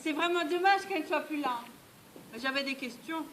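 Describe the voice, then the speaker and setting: A woman's voice: sits high, normal speed, natural voice. A woman acting a naive, dim but earnest servant messenger in a stage comedy, guileless and insistent. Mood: naive, hesitant. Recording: stage recording with faint noise.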